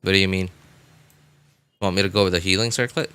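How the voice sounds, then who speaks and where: The man's voice is low and steady, fairly quick, with a sharp edge, captured cleanly in a dry recording. He's livestreaming a game, casually chatting with viewers in an informal, relaxed way and muttering to himself now and then.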